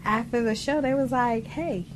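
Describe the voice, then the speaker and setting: A woman with a slightly squeaky voice speaks earnestly and passionately in easy interview talk. Plain background noise is clearly heard around her. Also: moderate pace. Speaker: radio show co-host.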